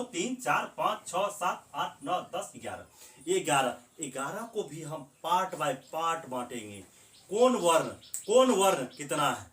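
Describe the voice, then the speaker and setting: A man's voice: high voice, fairly bright tone. A man teaching a grammar lesson, who asks the class questions and then answers them himself. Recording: echoey room, voice from a distance.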